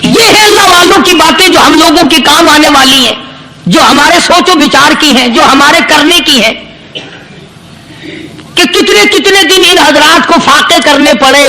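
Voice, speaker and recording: A man's voice: very high-pitched, lively intonation, bright, forceful tone, roomy sound, slight background noise, low-quality recording. A man preaching a sermon, telling a story with rising, emphatic repetition.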